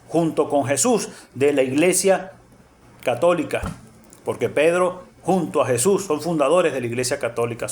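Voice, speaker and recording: A man preaching an earnest storytelling sermon, emphatic and fond of repeating his phrases. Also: fairly high pitch. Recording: faint background music.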